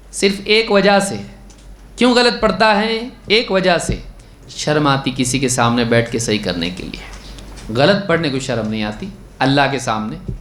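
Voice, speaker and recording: In an echoey room with a little hiss or hum, a religious teacher with a slightly high, fairly bright voice gives a lesson on prayer. He recites a line of Arabic, explains it, and repeatedly poses questions to his listeners that he answers himself. His exhortations grow stern and pleading.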